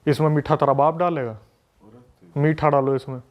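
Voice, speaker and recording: A man's voice: on the high side, steady tone, normal speed, a little mellow, close to an everyday voice. A man voicing a vengeful male ghost that possesses a little girl, speaking in a threatening, demanding way. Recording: dull lo-fi recording.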